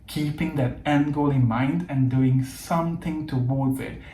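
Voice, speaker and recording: Warm and unhurried, this medium-pitched man is an English coach in his thirties whose native language is Hungarian. He encourages English learners earnestly in a motivational monologue, stressing points through emphatic lists. Slight background noise and faint ambience fill the echoey room.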